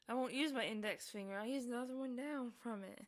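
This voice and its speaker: A woman's voice: on the high side, moderate pace. Chatty, amused woman streamer. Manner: chatty, amused, often laughing. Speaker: streamer reacting to a video. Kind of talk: casual live-stream commentary.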